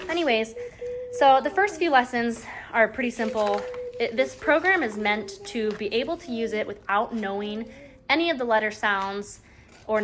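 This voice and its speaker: A woman's voice: medium pitch, fairly bright tone. A woman, a homeschooling mother, chatting casually at home about a reading curriculum, rambling and often saying "anyways.". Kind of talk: casual chat review. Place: at home at a table. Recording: faint background noise and clicks.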